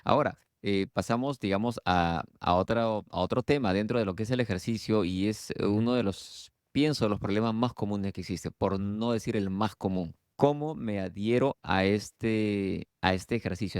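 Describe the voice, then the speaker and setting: A male doctor hosts the conversation, posing questions and summing up points in an explanatory way. His voice is fairly low and comes across close and dry. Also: no room sound. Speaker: physician host. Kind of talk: conversational interview.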